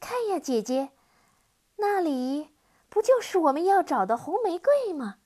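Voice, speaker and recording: A woman voicing an excited younger sister, a little girl calling out in a children's storybook reading. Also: very high voice, a little slow, pitched above the performer's own voice, heavily acted.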